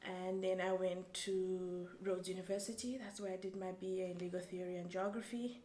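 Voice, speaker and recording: A young woman from Zambia, whose first language is Tumbuka, answering interview questions in a thoughtful, halting way with many restarts. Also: on the low side, little pitch movement, mellow. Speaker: guest. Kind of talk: casual interview. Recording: echoey room, faint background noise.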